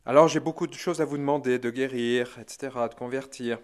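A man voicing the Virgin Mary as a gentle, motherly woman, in a calm, pleading tone. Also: mid-range voice, brisk, natural voice.

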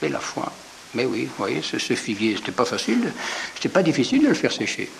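A man's voice: mid-range voice, sing-song, a little fast, gravelly, background noise. Chatty French-speaking preacher man. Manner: conversational and digressive, with rhetorical asides and repeated words. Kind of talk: informal sermon retelling the Gospel.

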